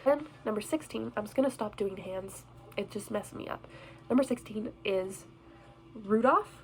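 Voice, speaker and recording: Young woman vlogger, chatty and bubbly, mid-pitched voice, faint background noise. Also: normal speed, dark tone, rough recording. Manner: chatty, bubbly, self-deprecating. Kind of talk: casual chat reviewing movies. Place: indoors in front of a Christmas tree.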